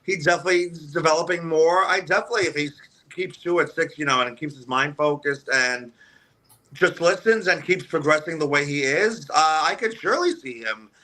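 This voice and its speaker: A man with a sharp, bright tone talks as a guest on a radio show. He rambles, restarts his sentences, and leans on "you know" as he praises and sizes up wrestlers. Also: on the high side, brisk. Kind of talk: casual interview talk. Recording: remote call audio.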